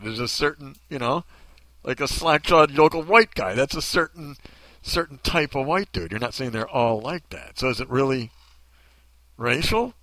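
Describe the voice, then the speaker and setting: A man's voice: fairly high pitch, bright, forceful tone, no echo. A man hosting a podcast in casual commentary, joking and self-mocking. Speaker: podcast host.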